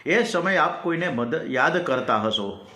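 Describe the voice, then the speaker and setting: A man's voice: a little high, animated, a little slow, bright, forceful tone, full character voice. A man voicing a devoted male companion who anxiously pleads with his lord, in an earnest, questioning way. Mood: pleading worried. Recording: roomy echo.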